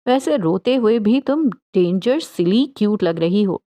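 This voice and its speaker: A woman voicing a playful young man who jokes gently with his tearful fiancée in an audiobook. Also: medium pitch, expressive, close to an everyday voice. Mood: teasing. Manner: gentle joking banter.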